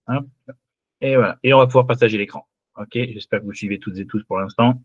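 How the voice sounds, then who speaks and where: Brisk and lively, a male finance teacher leads a live online class through a spreadsheet, repeatedly asking "d'accord?" to make sure everyone's with him. His voice is mid-range, captured lo-fi without any echo.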